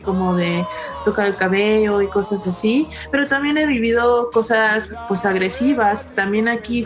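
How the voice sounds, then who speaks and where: A young woman from California, a documentary filmmaker, giving a thoughtful personal testimony in an interview. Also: medium pitch. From California, United States.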